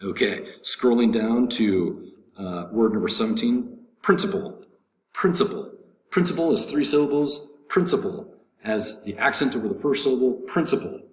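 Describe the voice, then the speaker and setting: A man teaching English vocabulary, slowly repeating words and stressing syllables, with frequent ums. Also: mid-range voice, expressive. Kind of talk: vocabulary lesson recording. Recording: echoey room with faint noise.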